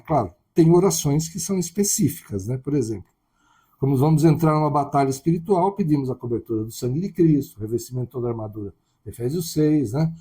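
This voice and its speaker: A man's voice: mid-range voice, dark tone, breathy edge. A man with a Brazilian Portuguese accent preaching a sermon in a conversational way, often checking in with tag questions.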